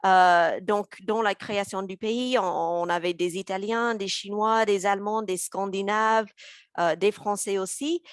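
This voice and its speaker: A woman's voice: medium pitch, steady tone, measured pace, no room sound, studio quality. An American woman with a Mississippi accent, speaking French as an intercultural coach in a panel discussion, earnest and full of hesitations. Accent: Southern American (Mississippi) speaking French. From USA.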